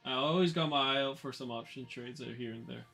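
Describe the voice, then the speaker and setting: A man's voice: mid-range voice, brisk, vocal fry, bright, forceful tone, faint music behind. A man hosting a casual trading livestream, chatting loosely and answering viewers with fillers and repeated words. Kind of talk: casual livestream market commentary.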